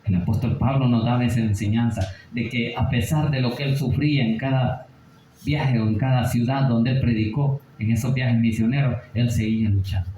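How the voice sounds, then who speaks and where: A man teaches a Bible study as a sermon, his voice mellow and warm. He keeps asking rhetorical questions and checks in with his listeners. The sound is roomy and echoey, with a faint hiss underneath. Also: mid-range voice, steady tone, normal speed. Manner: preaching with rhetorical questions and tag "¿verdad?". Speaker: pastor.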